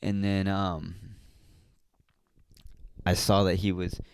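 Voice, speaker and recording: Podcast host, male, very low smooth voice, rambling slangy storyteller, dry close sound. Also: little pitch movement, slow, dry recording. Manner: rambling, slangy, lots of fillers. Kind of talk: casual storytelling.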